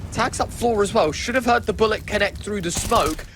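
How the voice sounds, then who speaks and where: Esports caster, male, high-pitched, dramatic live match commentary over noticeable game sound. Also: a little fast, fairly bright tone. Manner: dramatic, exclamatory, vivid phrasing. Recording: clear game noise behind the voice.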